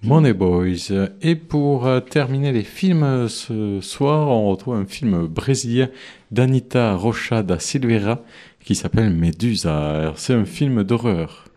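A man's voice: on the low side, expressive, slow, mellow. A man hosting a radio show, answering in a dry, matter-of-fact way. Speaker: radio host. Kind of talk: casual radio chat.

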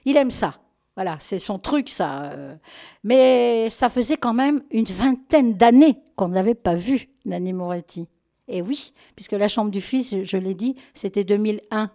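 A woman with a warm, mid-range voice and lively intonation hosts an easygoing radio-style chat about new films, taking her time. Affectionate toward her audience, she chats freely, using many fillers and often stopping to correct herself.

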